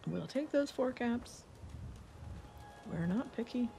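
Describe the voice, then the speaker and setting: A woman's voice: fairly high pitch, animated, slow pace, gravelly, mellow, soft background music. A woman with an East Coast accent, streaming a game and chatting in a rambling, laughing way while reading chat aloud. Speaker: gaming streamer. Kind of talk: casual let's-play chat.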